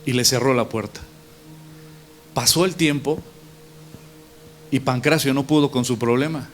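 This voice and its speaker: A preacher telling a story in a sermon, speaking conversationally and joking with the congregation. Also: male voice, medium pitch, a little slow, soft background music.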